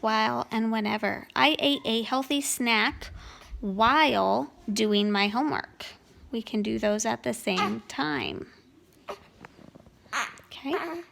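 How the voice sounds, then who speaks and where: Slow, gravelly-voiced woman teaching grammar. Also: on the high side, a bit bright. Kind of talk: grammar lesson walkthrough. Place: home.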